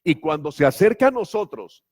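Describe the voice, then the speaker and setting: A man's voice: a little high, big pitch swings, moderate pace, darkish tone. A man preaching a sermon as pastor, emphatic and full of rhetorical questions. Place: church.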